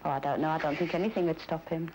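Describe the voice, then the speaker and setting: A woman's voice: low voice, steady tone, very fast, darkish tone. A woman giving informal interview answers as a crewman's wife. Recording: faintly noisy old film sound.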